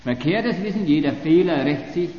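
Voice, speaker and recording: A man's voice: fairly high pitch, expressive, moderate pace, roomy sound, long reverb tail, muffled recording. A man giving a polemical university lecture, arguing sarcastically and often restarting his phrases.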